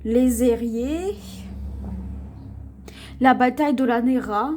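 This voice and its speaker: A woman whose mellow voice sits on the high side, with a little hiss or hum in the audio, walks viewers through her shopping haul. She talks slowly and chattily, keeps saying "voyez" as she points things out, and sometimes stumbles, restarting names.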